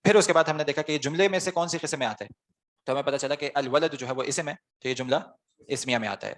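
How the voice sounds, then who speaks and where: A man teaching an online Arabic grammar class, explaining step by step and putting questions to the students before answering them himself. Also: a little high.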